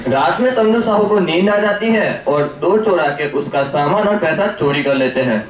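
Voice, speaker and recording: A man's voice: on the high side, lively intonation, normal speed, some chatter behind. A young male student narrating a school stage play in a plain storytelling manner. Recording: distant echoey hall with noise.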